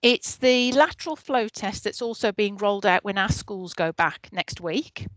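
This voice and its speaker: A woman speaking over a video call, walking a community meeting through public health figures. Her voice sits in the middle of the female range and comes through dry and close, with no room sound. She explains in a clear, steady way. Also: mid-range voice, normal speed, no echo, poor audio. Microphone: computer mic on a video call.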